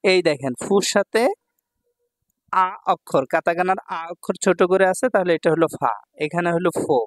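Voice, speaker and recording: A high-pitched male teacher explains vocabulary, drawing out each syllable and repeating the word several times. He keeps checking that his listeners follow. The recording is dry and close, with no room sound. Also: no echo. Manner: slow, drawn-out repetition of each syllable; checks in with listeners, calls them brother. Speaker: Japanese language teacher. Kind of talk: vocabulary lesson explaining words.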